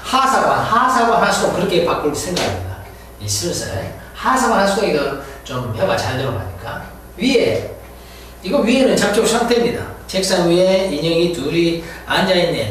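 Man, English teacher, lively high pitch, slow delivery, far-off echoey room, faint hiss. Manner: drills words, corrects pronunciation, chuckles at own jokes. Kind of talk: lecture explaining vocabulary.

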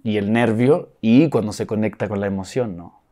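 Male interview guest, low and mellow, Mexican accent, reflective with restarts. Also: moderate pace, slight background noise. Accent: Mexican Spanish, acquired. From Chile. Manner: reflective, with frequent restarts and soft laughs. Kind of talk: casual interview talk.

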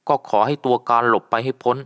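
A man voicing a calm young friend explaining things, in a storybook reading. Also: medium pitch, moderate pace, pitched above the performer's own voice, lightly acted.

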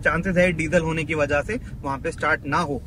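This travel vlogger's voice is a little high and fairly even in intonation, and he talks briskly. He narrates his own vlog casually, as if thinking aloud, and mixes in English words. Music runs under his voice and there is background noise.

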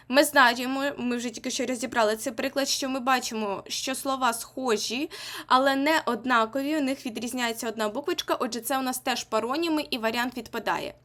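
Young female teacher with a Ukrainian accent, high voice, patient and repetitive, exam-prep lesson. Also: a bit bright. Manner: explains patiently, repeats key points, asks "так?".

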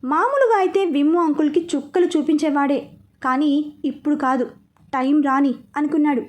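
High-voiced woman telling a story. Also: normal speed. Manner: lively expressive reading. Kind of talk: serialized story narration.

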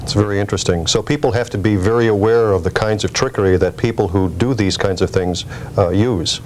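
A middle-aged man hosting an interview program, speaking in an earnest, somewhat formal way. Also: a little fast. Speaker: program host interviewing a guest. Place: small TV studio set, indoors, standing at a table. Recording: noisy old videotape with low rumble.

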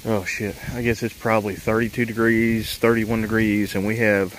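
A man's voice: on the low side, little pitch movement, moderate pace, a little hiss or hum, rough recording. A middle-aged man, chatting casually in a walk-and-talk vlog, plain-spoken and rambling, filmed outdoors and in his truck. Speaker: vlogger. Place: outdoors on a rural property and inside a truck.

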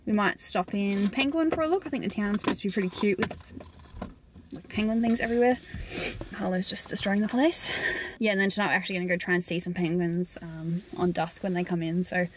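A young Australian travel vlogger talks a little fast at medium pitch, chatting casually with lots of laughter and "like" to a phone camera at arm's length. She films while walking in forests and along the coast and while driving, and there's slight background noise.

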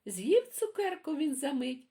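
Бібліотекарка читає дітям віршики, виразно й з інтонацією. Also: female voice, high voice, measured pace. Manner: expressive, storytelling. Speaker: librarian. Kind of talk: reading children's poems aloud.

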